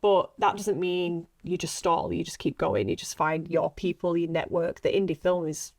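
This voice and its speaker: An actress appears as a guest in a casual podcast chat, speaking in a lowish voice at a moderate pace. She's earnest and encouraging and often repeats herself for emphasis.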